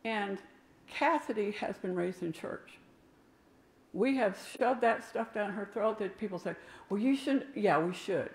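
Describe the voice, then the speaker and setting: An older woman delivers a sermon in a gravelly voice. She preaches emphatically, with asides to the people in the pews. The sound carries a roomy church echo. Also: mid-range voice, a little slow. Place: church sanctuary. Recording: echoey church room.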